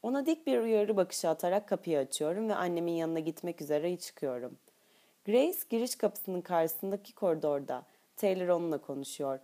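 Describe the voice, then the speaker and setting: Woman reading an audiobook, lowish mellow voice, steady and intimate. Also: normal speed. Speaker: audiobook narrator. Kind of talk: audiobook narration, first person.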